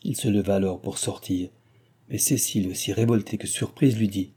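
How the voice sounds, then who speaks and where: A man reading a classic novel aloud in a measured, even narration. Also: lowish voice, breathy edge. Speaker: audiobook reader.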